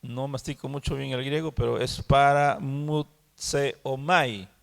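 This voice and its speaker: A man teaching the Bible at a prayer meeting. He talks slowly, repeats words and keeps asking "¿sí?". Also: medium pitch, fairly even intonation, gravelly, big-room sound. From Mexico. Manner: slow, repeats words and asks "¿sí?". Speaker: preacher.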